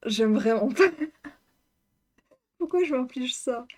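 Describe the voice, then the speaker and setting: A woman's voice: sits high, lively intonation, drawn-out words. A woman vlogger reacting to her own video in a casual, self-mocking way, laughing and teasing herself.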